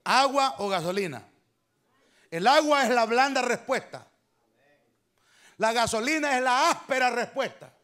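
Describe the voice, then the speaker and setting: A man preaching a sermon as pastor to his church, talking conversationally and calling his listeners brother, swinging from soft asides to loud emphatic lines. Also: very high voice, lively intonation, measured pace, long pauses. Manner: conversational preaching, often addressing "hermano".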